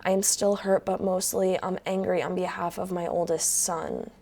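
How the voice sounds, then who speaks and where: Gravelly, mellow-voiced woman reading posts. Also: lowish voice, steady tone, moderate pace. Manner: casual, frank, swears freely. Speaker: channel host reading online posts. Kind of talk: reading aloud and reacting.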